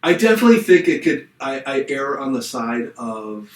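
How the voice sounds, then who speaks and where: Co-hosting a podcast, this middle-aged man, a pastor, chats casually in a rambling, reflective way full of restarts and dry jokes at his own expense. His medium pitch swings widely at a normal speed, and he sits far from the mic in an echoey, roomy space.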